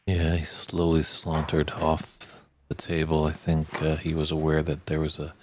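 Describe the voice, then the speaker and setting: Flat, low-voiced snooker commentator. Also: male voice, slight background noise. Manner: measured, flat, analytical.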